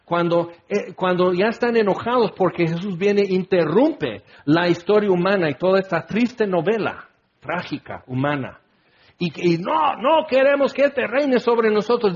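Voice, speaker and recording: Animated high-voiced male preacher. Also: highs cut off. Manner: animated, acts out quoted voices, shouts exclamations. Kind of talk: sermon.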